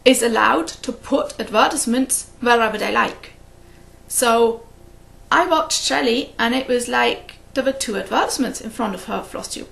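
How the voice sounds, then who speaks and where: In a fairly high, gravelly, and fairly bright voice, a woman chats casually to the camera while hosting a cross-stitch flosstube video. She rambles and frequently laughs at her own stories, and her first language is English.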